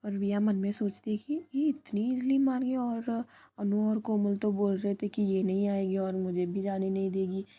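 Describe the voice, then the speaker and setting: A woman's voice: medium pitch, level tone, moderate pace, mellow. A young woman casually telling a love story, with loose, unscripted narration. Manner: casual, many fillers and restarts.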